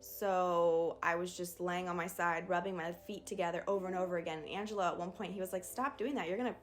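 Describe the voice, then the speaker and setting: A woman's voice: lowish voice, fairly quick, a little hiss or hum. A young woman vlogger candidly retelling a birth story in a casual storytime. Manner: candid, animated retelling with acted quotes.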